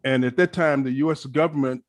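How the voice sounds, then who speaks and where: A man's voice: medium pitch, steady tone, a little fast, dry recording. Man from Virginia, guest speaker, remote call, thoughtful, many fillers, dry sound. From Richmond, Virginia, US. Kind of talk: remote interview answers.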